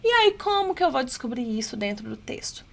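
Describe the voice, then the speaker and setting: A woman with a Brazilian Portuguese accent, an English teacher going through exam questions, asking rhetorical questions and reading the English items slowly and deliberately. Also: high voice, very animated, vocal fry, fairly bright tone. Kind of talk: exam-prep lesson explaining test questions.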